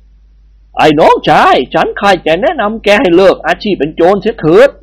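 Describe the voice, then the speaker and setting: A storyteller voicing a kindly, dignified older prince who speaks in a calm, measured way. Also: mid-range voice, slightly rough, voice pushed up.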